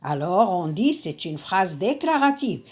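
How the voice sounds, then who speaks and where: A woman teaches a grammar class at an unhurried pace. She says each example slowly and repeats it, then explains it again in Arabic. Her pitch rises and falls a lot as she talks. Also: big pitch swings, darkish tone, slightly rough. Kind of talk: slow classroom grammar lesson.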